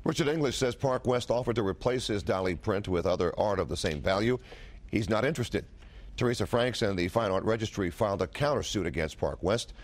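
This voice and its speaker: A man reading a news introduction as a studio anchor, in a crisp delivery. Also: lowish voice, brisk.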